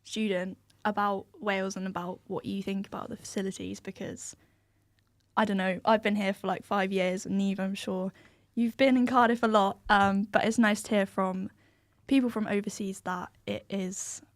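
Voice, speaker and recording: A woman's voice: medium pitch, steady tone, moderate pace, no room sound, clean studio sound. A young woman with an English accent, hosting a student radio show and leading an informal discussion. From England. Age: young adult.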